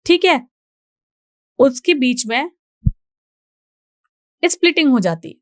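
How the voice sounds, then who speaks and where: A woman's voice: sits high, big pitch swings, dry recording, clean studio sound. A young woman with an Indian accent teaching biology in a recorded exam-prep lecture, explaining step by step and often checking in with her students. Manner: explains slowly, reads English lines out deliberately, checks in with "ठीक है".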